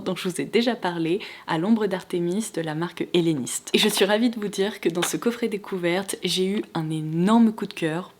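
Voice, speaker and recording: A woman's voice: medium pitch, slight background noise. A young woman beauty vlogger presenting gift ideas to camera in an enthusiastic, gushing way.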